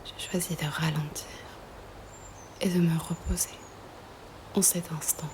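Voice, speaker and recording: A woman talks listeners through yoga nidra in a hushed, breathy, soothing voice, with long silences between phrases. She is low-pitched with little pitch movement, and background noise is audible.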